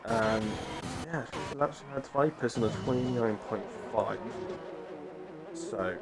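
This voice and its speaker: A man calls an online racing league live, his medium-pitched voice slow and the surroundings very noisy. A cold has left him with a cough and sore throat, and his commentary wanders chattily, frequently breaking off before a thought is finished.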